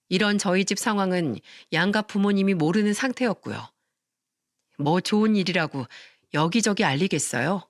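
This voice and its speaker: A woman telling a first-person story with a lively, rising-and-falling delivery. The sound is close and dry, with no room echo. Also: medium pitch. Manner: expressive storytelling, acting out quarrels. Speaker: narrator.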